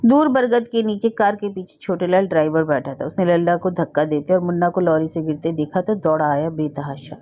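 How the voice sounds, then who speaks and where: A woman narrating a short story aloud in an expressive storybook reading. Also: on the low side, fairly quick, few pauses. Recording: dull lo-fi recording.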